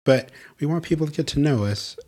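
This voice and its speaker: A man's voice: a little high, lively intonation, a little fast, darkish tone. A man hosting a podcast in a playful, jokey way and often laughing. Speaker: podcast host. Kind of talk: casual podcast chat.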